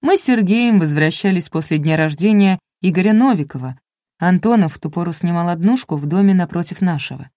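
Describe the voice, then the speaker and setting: A woman's voice: fairly low pitch, animated, a little fast, mellow, dry recording, clean studio sound. A woman narrating a first-person audiobook in a wry, ironic storytelling manner.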